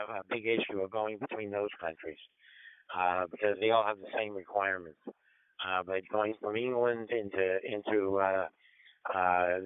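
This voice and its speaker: A man chatting casually over a narrow-band radio link, explaining his travels in a halting, piecemeal way. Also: lowish voice, clear, resonant tone, no room sound. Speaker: radio net participant recounting travels. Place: radio transmission.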